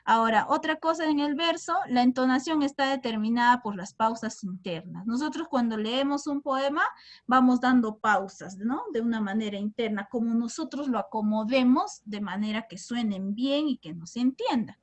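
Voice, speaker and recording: A woman's voice: a little high, normal speed. A young woman teacher, explaining to her class and asking them questions often. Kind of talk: classroom lesson.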